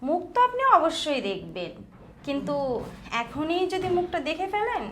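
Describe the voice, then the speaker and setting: A woman's voice: high-pitched, wildly swooping pitch, normal speed, slight background noise. A woman playing a defiant masked woman. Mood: evasive. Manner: sharp, evasive. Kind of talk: amateur short film acting.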